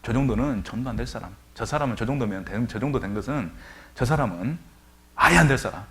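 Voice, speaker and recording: A man's voice: mid-range voice, lively intonation, fast, a bit bright. A man preaching a sermon as pastor, retelling scripture dramatically and asking the congregation rhetorical questions.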